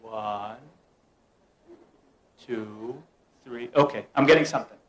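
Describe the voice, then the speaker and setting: In a rough recording with a little hiss or hum, a young American mentalist does a playful mind-reading routine in a room at a home gathering. He teases and directs the people around him, taking it slowly in a mid-range, slightly bright voice.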